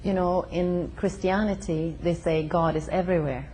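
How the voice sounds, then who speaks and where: Low-voiced woman from Sweden, hesitant. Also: steady tone, mellow, slight background noise, poor audio. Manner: hesitant, many fillers and pauses. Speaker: interviewee. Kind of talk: casual conversation. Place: her home.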